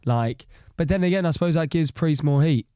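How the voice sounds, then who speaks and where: Mellow man, laughing and excitable. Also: on the high side, fairly quick, clear, resonant tone, no echo, clean studio sound. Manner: excitable, laughs often, acts out reactions. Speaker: podcast co-host. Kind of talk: casual chat.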